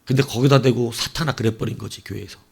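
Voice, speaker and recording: A male pastor preaching a sermon, telling the story with animated bursts as he acts out quoted lines. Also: mid-range voice, a little fast, gravelly, slightly rough.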